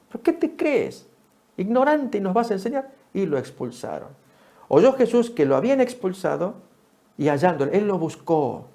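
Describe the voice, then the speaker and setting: A male preacher with a gravelly, dark-toned voice delivers an animated Bible study sermon. He calls out to his listeners as friends and leaps up in pitch when he quotes a speaker. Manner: animated, rises sharply for quoted speech, addresses listeners as friends.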